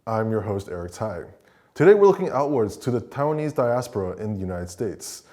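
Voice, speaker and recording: A male news show host with a low, mellow voice. He asks his questions in a casual, halting way, with plenty of fillers. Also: big pitch swings. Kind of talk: interview hosting.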